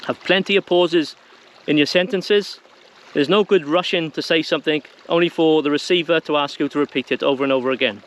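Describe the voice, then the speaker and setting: Here a man with a fairly high pitch speaks a little fast while guiding viewers through a how-to. The talk is relaxed, conversational, and plain.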